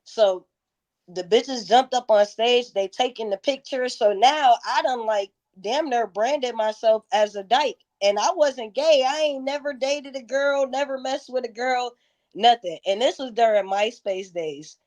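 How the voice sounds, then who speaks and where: A woman's voice: a little high, a little slow, a little mellow. A woman in her thirties, a guest in a casual interview, telling stories bluntly with plenty of profanity. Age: 30s.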